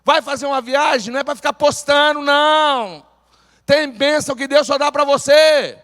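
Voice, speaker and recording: A Brazilian pastor preaching a lively sermon in church, urging the congregation to repeat phrases aloud. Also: male voice, extremely high pitch, normal speed. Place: church sanctuary. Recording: church hall reverb.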